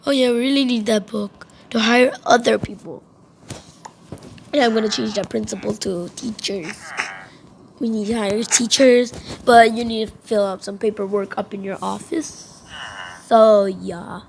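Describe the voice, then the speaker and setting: A woman's voice: fairly high pitch, steady tone, unhurried, vocal fry, slight background noise, poor audio. A woman improvising a pretend school role-play, speaking as a strict but fair new principal in a rambling way. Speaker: role-play performer voicing a school cast.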